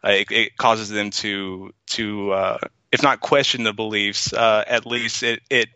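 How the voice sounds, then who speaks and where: A man co-hosting a livestream, explaining points in a measured way with many fillers and pauses, over muffled audio. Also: on the low side, steady tone, sharp tone, smooth, dry recording. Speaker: co-host. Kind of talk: casual livestream debate chat.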